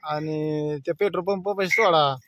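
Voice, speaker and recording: A man's voice: on the high side, steady tone, moderate pace, a bit bright, no room sound. A man with a rural western Maharashtra accent on a casual prank phone call, talking colloquially in a pleading, insistent way. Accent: rural western Maharashtra Marathi. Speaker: prank caller. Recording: noisy phone call with vehicle sounds.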